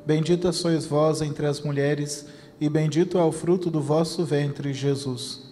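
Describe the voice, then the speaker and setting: A man with a Brazilian Portuguese accent reciting the rosary in a steady chant. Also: fairly high pitch, a little slow. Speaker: rosary prayer leader. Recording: long reverb with faint noise.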